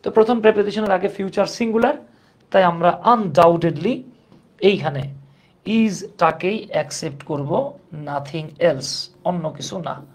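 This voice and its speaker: A man teaching English grammar in a relaxed, conversational way, asking students questions and joking along. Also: sits high, unhurried, pauses often. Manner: conversational, asks the class questions, jokes. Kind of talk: grammar lesson.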